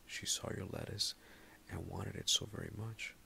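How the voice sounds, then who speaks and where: A man voicing a humble, pleading carpenter in a bedtime story, with a deep, gravelly voice. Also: fairly even intonation, normal speed, pushed and bright, a little hiss or hum, exaggerated voice. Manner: pleading, eager to please.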